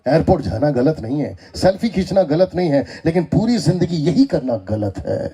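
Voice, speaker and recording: Animated, husky-voiced Indian man preaching. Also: a little high, moderate pace. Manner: animated, teasing, asks the crowd to answer back. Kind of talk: sermon with call-and-response. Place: church meeting hall.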